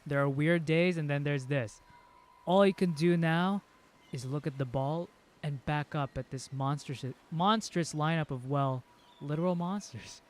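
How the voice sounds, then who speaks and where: A man's voice: a little high, measured pace. Chuckling man streaming a game. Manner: chuckling, joking asides. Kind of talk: reading a game aloud while joking.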